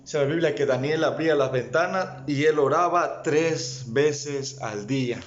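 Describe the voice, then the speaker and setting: A man's voice: fairly high pitch, unhurried. A man preaching a sermon, speaking straight to his listeners and rising in fervor. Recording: dull lo-fi sound.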